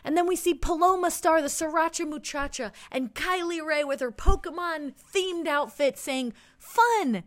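A woman narrating a playful picture story in an animated, storytelling way. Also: sits high, normal speed, hardly any pauses, no room sound. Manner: animated, making up a story as she describes pictures. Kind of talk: playful read-aloud storytelling.

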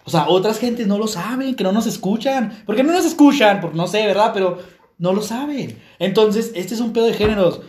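A Mexican man co-hosting a podcast, chatting casually with crude, teasing humor and animated storytelling. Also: high voice, fairly quick, echoey room. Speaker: podcast co-host. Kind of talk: casual joking chat.

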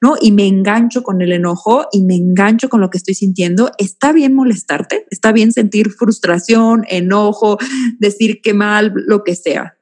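A woman's voice: mid-range voice, moderate pace, a little mellow. A woman, a guest explaining feelings in a reflective, teaching way and addressing the host by name. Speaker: guest speaker on emotions. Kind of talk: explanatory conversational talk.

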